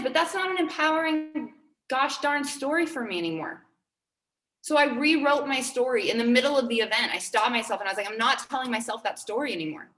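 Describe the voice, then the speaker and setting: A woman's voice: high-pitched, fairly bright tone, echoey room. A woman in her twenties giving a motivational talk to her team, earnest and upbeat, repeating key phrases for emphasis. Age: 20s. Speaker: team trainer.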